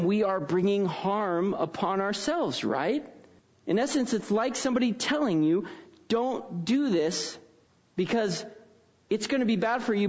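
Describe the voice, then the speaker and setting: A man's voice: sits high, darkish tone, muffled recording. A man preaching a conversational sermon, mixing stories into the teaching and often adding "right?" to check in. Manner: casual, frequent tag questions. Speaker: pastor.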